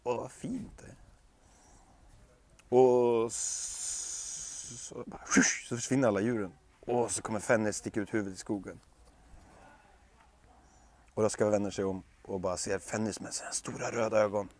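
A man telling a bedtime story to a child in an animated way, with sound effects and lively voices. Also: fairly low pitch, pauses often.

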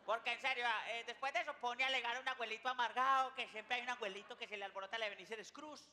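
A man's voice: very high-pitched, fairly even intonation, racing, pushed and bright. A man hosting a comedy show, delivering a playful, slang-heavy stand-up monologue. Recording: noisy recording.

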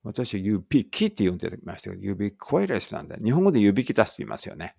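An English teacher with a low, gravelly voice leads a relaxed read-aloud lesson, thinking out loud and correcting himself along the way. He reads each English line slowly and carefully, and his voice sounds close and dry with no echo or room around it.

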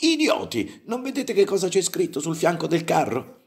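A man voicing a grumpy old male donkey who shouts in alarm in a storybook reading. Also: sing-song, normal speed. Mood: frantic. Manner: shrill shouting.

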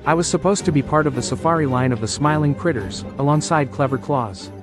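A man's voice: on the high side, fairly quick, natural voice. Guy doing a rejected giraffe toy villain, cartoon, mocking, music under it. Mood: bitter. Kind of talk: dramatic cartoon acting.

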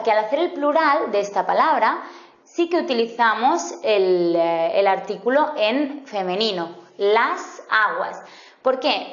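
A woman teaching a grammar lesson, patiently spelling out example words slowly. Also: a little high. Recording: roomy, slightly dull sound.

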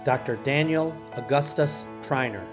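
One by one, a man with a mid-range voice formally reads graduates' names at a ceremony. His delivery is measured and announcing, with music playing beneath him.

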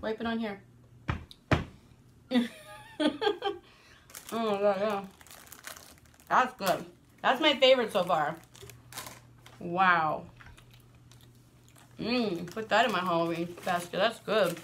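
A woman and mother vlogging a casual product review, chatty and excitable, laughing often. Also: mid-range voice, takes it slowly, long pauses, slight background noise.

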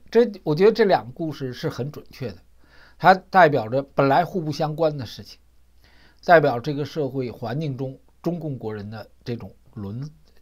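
A man's voice: medium pitch, darkish tone. A male commentator speaks in a casual, conversational way. He narrates anecdotes and acts out the dialogue with growing emphasis. His speech is full of restarts and repeated words. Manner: storytelling, acting out quoted dialogue with rising emphasis; frequent repetitions and restarts. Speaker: political commentary host.

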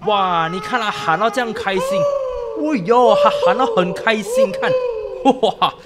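A man's voice: high-pitched, big pitch swings, moderate pace. A man hosting a game video with playful, teasing showman patter. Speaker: host of a game mod video.

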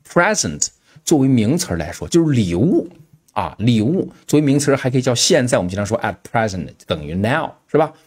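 A man teaching English pronunciation in an online lesson, talking directly to his students in an animated way. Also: lowish voice, slightly rough. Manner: animated, keeps addressing the students.

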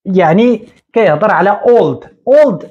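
A man in his thirties with a Moroccan Arabic accent, teaching English at a whiteboard and repeating each word slowly. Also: high-pitched, animated, breathy edge, highs cut off. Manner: explains slowly, repeating words and drawing them out. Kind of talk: whiteboard lesson. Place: small room indoors at a whiteboard.

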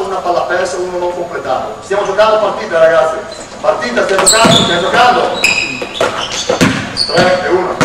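Coach shouting across an echoey gym. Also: male voice, high voice. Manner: explains at length, then shouts urging players on. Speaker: basketball coach running a clinic. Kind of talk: on-court coaching clinic. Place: large indoor gym. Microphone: far camera in the stands. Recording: echoey gym from far off, faint noise.

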